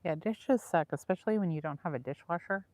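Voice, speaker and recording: Outdoors by a lake, a woman from Southern California livestreams, chatting loosely and rambling with her live viewers. Her fairly low voice is brisk and a little mellow, and there's no echo.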